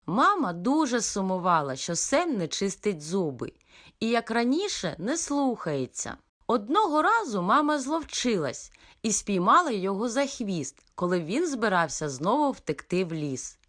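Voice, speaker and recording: A woman narrating a children's fairy tale in a gentle, unhurried way. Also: mid-range voice.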